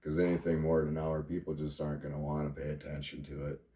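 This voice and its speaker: A man's voice: rumbling low, level tone, fast, dark tone. A middle-aged man speaking candidly and at length about his life, rambling with wry laughs. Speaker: vlogger. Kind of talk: personal confessional monologue. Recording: roomy sound, distant from mic.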